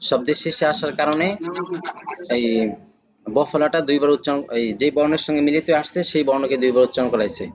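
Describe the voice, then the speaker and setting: A man teaching a lesson on conjunct letters, patiently repeating each example word slowly. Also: fairly high pitch, low-quality recording. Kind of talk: classroom lesson on Bengali spelling.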